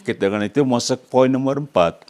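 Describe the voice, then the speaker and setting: The speaker is an older man from Indonesia, a pastor whose Indonesian-accented sermon is emphatic and fairly quick. His voice is medium-pitched and darkish, and he frequently prompts the congregation with questions to fill in his phrases.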